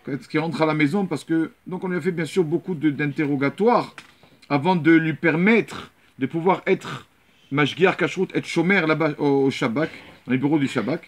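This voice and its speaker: Male rabbi, Torah lesson, storytelling, lively delivery restarts, mid-high voice. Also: moderate pace. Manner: animated storytelling with frequent restarts and repetitions.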